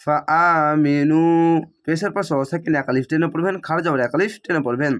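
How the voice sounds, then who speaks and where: Male Quran teacher with a Bangladeshi Bengali accent and a raised pitch, who spells out each word and repeats it patiently. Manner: breaks words into syllables, repeats them slowly. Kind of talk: spelling-out Quran recitation lesson.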